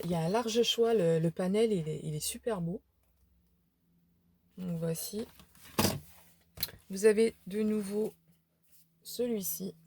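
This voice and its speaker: Tired woman vlogger, warm mellow tone, chatty with fillers, faint background noise. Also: medium pitch. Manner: chatty, many fillers and restarts, laughs at herself. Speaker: craft vlogger showing a shopping haul. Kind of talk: casual haul vlog. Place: home room by a window.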